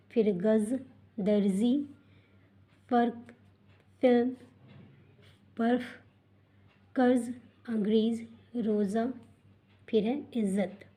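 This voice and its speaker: A woman's voice: fairly high pitch, darkish tone. A woman teacher patiently explaining a school textbook lesson, repeating points, asking herself rhetorical questions and using many fillers.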